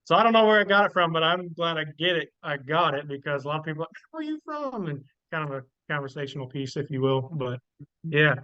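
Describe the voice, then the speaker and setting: A man's voice: on the high side, fast talker, bright, forceful tone, dry recording, highs cut off. A man from Southeast Missouri with a Southern US drawl, chatting casually in a folksy way. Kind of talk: casual chat.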